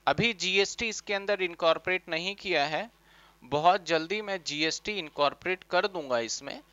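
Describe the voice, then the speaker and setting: A man teaches an accounting class in a bright, fairly high voice. He is animated and quizzes the class, then answers his own questions. The recording is dry and a little dull. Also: normal speed, dry recording. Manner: animated, asks questions and answers them himself; speaks as the accounts in first person. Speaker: commerce teacher. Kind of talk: classroom lecture.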